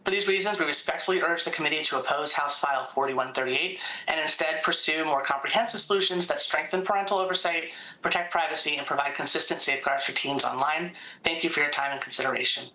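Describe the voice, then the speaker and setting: A woman's voice: low-pitched, fast, few pauses, sharp tone. Woman testifying over an echoey video call. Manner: reads a prepared statement, with small stumbles. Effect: heard over a video call. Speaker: industry policy director testifying remotely. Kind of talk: formal prepared testimony.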